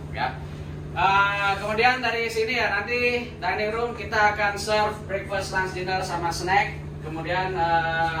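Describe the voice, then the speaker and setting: A man working as a dive guide, giving a casual briefing aboard a dive boat, full of fillers and frequent "ya". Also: a little high. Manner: loose, filler-heavy, says "ya" often. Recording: echoey, distant mic, noisy background.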